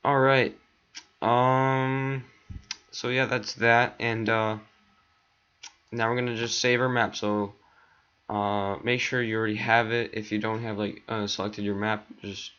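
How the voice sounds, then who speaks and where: This tutorial maker has a lowish, level, fairly bright voice and takes his time. Speaking casually into a dull lo-fi mic while clicking through steps in a screen recording, he rambles, says um a lot, and occasionally cracks his voice.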